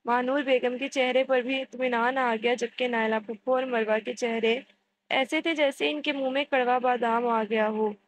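A woman narrates a romance novel in a steady storytelling reading. Her voice sits high. A faint hiss runs under the recording. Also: low-quality recording.

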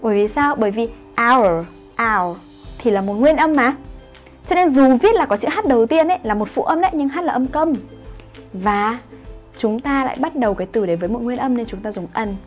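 A woman's voice: fairly high pitch, expressive, fairly quick, soft background music. A woman English teacher, explaining grammar in an online lesson and often asking her students whether they follow. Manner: explains patiently, asks "right?" to check understanding.

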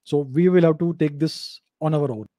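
A middle-aged man hosting a live video Q&A, talking into a close studio microphone in a home study. He explains in a measured way and repeats his key points. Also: fairly high pitch, mellow, no echo. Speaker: host answering live video call questions. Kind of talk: live video chat Q&A on geopolitics. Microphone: studio mic on a boom arm, close.

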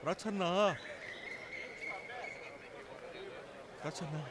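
A man's voice: a little fast, crowd noise, close to an everyday voice. A man dubbing a remorseful young father who earnestly pleads with his lover for one last chance, in a dubbed TV drama. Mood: desperate. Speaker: dub actor.

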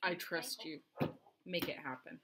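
A woman's voice: deep voice, unhurried, very noisy. A woman in her forties co-hosting a casual podcast with her son, talking in dry, teasing banter. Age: 40s. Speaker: podcast co-host, mother. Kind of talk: casual chat.

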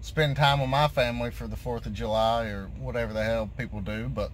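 A man's voice: medium pitch, steady tone, a little fast, a little hiss or hum. Frustrated trucker ranting in his cab. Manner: frustrated, rambling, with fillers. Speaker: owner-operator truck driver. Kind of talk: casual vlog rant. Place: inside a truck cab, parked. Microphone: phone camera at arm's length.

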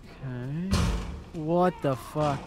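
A man's voice: fairly high pitch, very slow, noisy background. A man streaming a horror game with casual, sweary commentary and scared, startled reactions. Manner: sweary, blunt.

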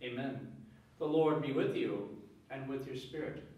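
Solemn priest in booming cathedral echo. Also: male voice, mellow. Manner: measured, solemn delivery. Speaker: priest celebrating Mass. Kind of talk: liturgical prayer and scripture reading. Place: large reverberant church. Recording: heavy church echo, mic far off.

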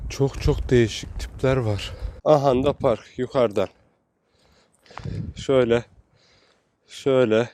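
Guy walking around a windy seaside city filming a vlog, slangy and excited about stuff, mid pitch. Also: takes it slowly, pauses often, poor audio. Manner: chatty, exclaims at sights, slangy. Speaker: travel vlogger. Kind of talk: casual walking travel vlog. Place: outdoors in a windy city by the sea.

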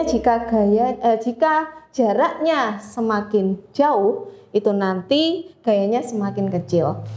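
A woman teaching a physics lesson, explaining step by step with frequent pauses and fillers. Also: a little high. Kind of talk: classroom lecture.

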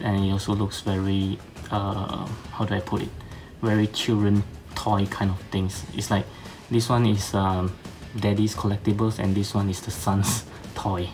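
A man with a fairly low voice gives an unscripted, casual review. His speech is hesitant and full of long filled pauses, a little slurred because half his face is numb from the dentist. Faint music plays behind him. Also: rough recording. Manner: slightly slurred speech from a dentist-numbed mouth. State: half of face numb after tooth operation. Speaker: toy reviewer.

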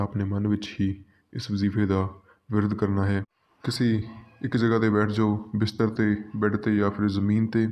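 This low, flat-voiced man teaches as a channel host offering religious instruction. His spoken guidance to viewers is calm and repetitive, and he calls them friends.

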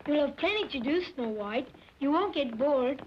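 Eager, very high-pitched little dwarf. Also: lively intonation, moderate pace, a little hiss or hum. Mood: playful, excited. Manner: childlike, exclaiming, eager. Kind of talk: dubbed 1950s children's fairy-tale film. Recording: dull old film soundtrack.

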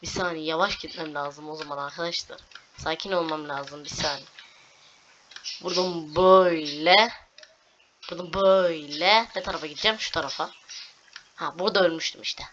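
A young woman giving casual commentary on her gameplay, excitable and talking to the game, repeating words as she plays. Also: low-pitched, normal speed, pauses often, muffled recording, noisy background. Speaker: gameplay streamer.

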